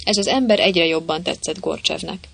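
A narrator reading a novel aloud in a lively storytelling manner. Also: medium pitch, vocal fry. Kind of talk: audiobook narration.

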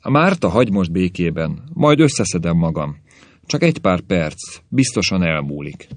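A man voicing a frail, frightened man risen from the dead, speaking in a trembling, halting, pleading way. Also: sits low, sing-song, dry recording. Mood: fearful pleading.

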